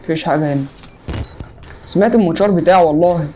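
A man's voice: fairly high pitch, fast talker, dark tone, slight background noise. A man with an Egyptian Arabic accent who hosts a horror game let's play; he talks in a jumpy, panicky way, crying out in repeated bursts, then cracks jokes. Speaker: gaming channel host.

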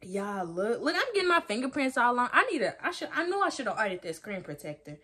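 A woman vlogger talking to her viewers in a casual unboxing video, chatty and excitable. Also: fairly high pitch, quick pace, breathy edge.

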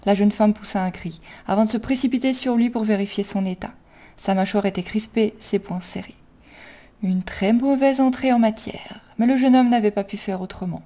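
A woman reads her own adventure story aloud in a steady, measured storybook narration. Her voice is mellow and warm, at a middle pitch. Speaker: reader of her own fan fiction.

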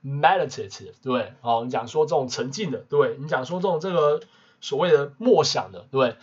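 Guy explaining english words, husky voice, kinda muffled recording, keeps asking "right?". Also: medium pitch, animated, quick pace. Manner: peppers talk with tag questions. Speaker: English vocabulary teacher. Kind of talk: casual vocabulary lesson.

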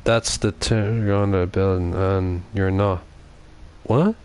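A young Irish livestreamer from Dublin speaks slowly in a low, steady voice that's darkish, clear, and resonant. While playing, he offers rambling, casual commentary, swears often, and reads chat aloud and answers it.

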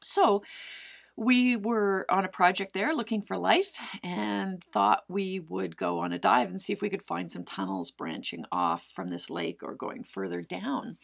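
Speaking at a measured pace in a medium-pitched voice with a gravelly edge and heavy fry, a middle-aged cave diver answers viewer questions by telling a diving story straight to the camera. She's close to the mic in an indoor room before a brick wall, animated, chatty, gesturing with both hands and using frequent fillers.

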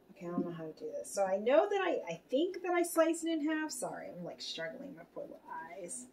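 Woman, home cook, casual vlog chat, slow pace, talks to herself, reads recipe aloud. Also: medium pitch, darkish tone, slight background noise. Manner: chatty, talks to herself and viewers while cooking. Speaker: home cook reviewing a meal kit. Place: home kitchen.

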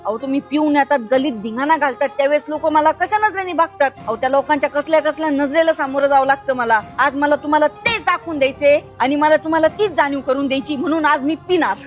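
A woman's voice: high voice, fast talker, few pauses, lightly acted. A woman acting the wife of a drunkard in a comic skit, scolding and pleading, with music behind her. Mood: defiant. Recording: background music.

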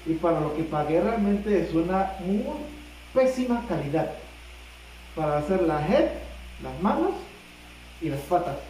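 A man's voice: high voice, sing-song, unhurried, pauses often, warm tone, a little hiss or hum. A man chatting and complaining from inside a costume head, tripping over his words now and then. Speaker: fursuit vlogger. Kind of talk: casual chat to viewers. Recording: very echoey room, distant mic, music behind. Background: music.

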